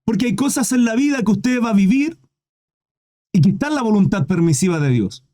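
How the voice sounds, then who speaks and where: A man preaching with fervor, his voice pitched high yet mellow and dark in tone. He drives his points home with rhetorical questions and keeps turning to his listeners as brothers. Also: sing-song, fairly quick. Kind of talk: sermon.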